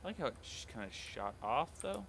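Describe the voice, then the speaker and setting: A man's voice: medium pitch, sing-song, a little fast, creaky, a bit bright, a little hiss or hum. A man streaming a building game, rambling and correcting himself as he thinks aloud. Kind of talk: casual gameplay commentary.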